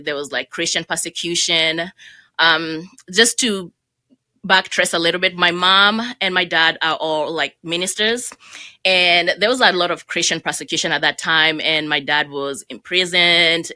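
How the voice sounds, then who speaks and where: Bright-voiced woman guest, chatty. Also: sits low, no echo. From Burundi, raised in Kenya. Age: 30s. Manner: chatty, laughs easily, uses "like" often. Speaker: podcast guest. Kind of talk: casual interview.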